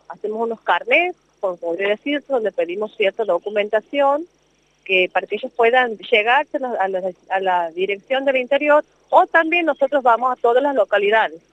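High-voiced woman, hesitant. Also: no echo. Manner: hesitant, many fillers. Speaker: provincial labor official. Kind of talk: interview answers. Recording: dull muffled sound.

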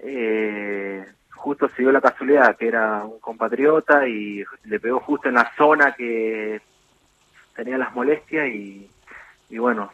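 A middle-aged Argentine man speaks over a thin, tinny phone line. His voice sits low, and he talks in a halting way, filling the gaps with hesitations and restarts, like a guest calling in to a radio show. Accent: Argentine Spanish. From Argentina, Chubut. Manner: halting, many fillers and restarts. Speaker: guest, former footballer turned coach.

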